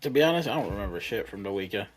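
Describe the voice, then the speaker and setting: A man in his thirties on a podcast panel, telling a profane story with lively energy and acting out the other people's lines. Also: on the low side, rapid-fire, a little hiss or hum. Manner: animated storyteller, profane, acts out quotes. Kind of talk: casual storytelling chat.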